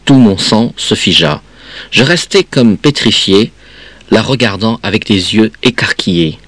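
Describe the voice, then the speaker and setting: A man with a lowish voice reads a story aloud, measured and expressive. The recording is dry and close-miked, with no room around him. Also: no room sound. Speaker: reader.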